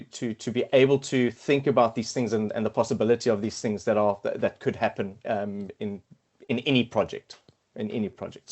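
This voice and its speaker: A middle-aged South African quantity surveyor, appearing as a podcast guest, speaks in a medium-pitched, somewhat dark voice. The interview chat is casual, and he talks hesitantly with many fillers and restarts.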